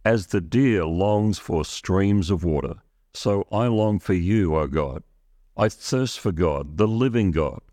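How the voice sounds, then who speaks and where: Very deep, slow man reading scripture. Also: warm tone, no echo, clean studio sound. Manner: solemn, measured. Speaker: scripture reader.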